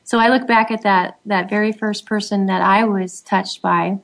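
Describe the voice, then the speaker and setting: A middle-aged woman, the guest on an interview show, speaking in a heartfelt and halting way, with many fillers. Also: medium pitch, fairly even intonation, creaky, fairly bright tone. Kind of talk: emotional personal conversation.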